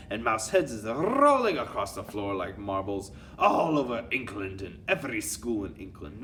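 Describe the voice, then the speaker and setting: A man's voice: mid-range voice, a bit bright. A gloating old storybook witch, played by a man, chanting her wicked schemes in broken grammar. The delivery swoops up from declaiming to shrieks, caught a little far from the mic. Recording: distant mic, faint background noise.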